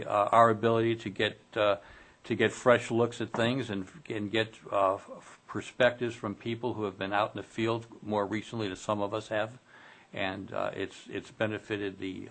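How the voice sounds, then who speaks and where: Measured man with a low voice. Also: a bit bright. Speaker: interview guest. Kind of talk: oral history interview.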